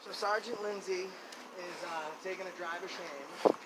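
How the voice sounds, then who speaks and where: A man filming police as a first amendment auditor, talking loudly and lecturing the officers outdoors. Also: high voice, fairly even intonation, moderate pace, very noisy. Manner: loud, confrontational and lecturing.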